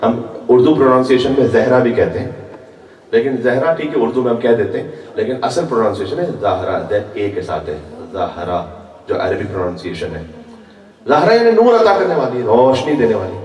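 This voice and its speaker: A man's voice: medium pitch, animated, darkish tone. A male guest preacher delivering a religious sermon at a gathering, weaving chanted quotations into his explanations. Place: large hall at a religious gathering. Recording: echoey hall picked up from far off.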